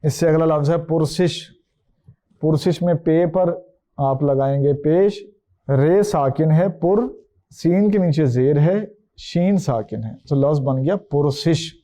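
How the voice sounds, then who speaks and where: Pakistani urdu accent guy doing a lesson, kinda high voice, goes letter by letter real slow. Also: dark tone. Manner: slow, spells out each letter and its vowel mark. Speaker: teacher. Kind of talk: recorded exam-prep lesson. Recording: dull lo-fi recording.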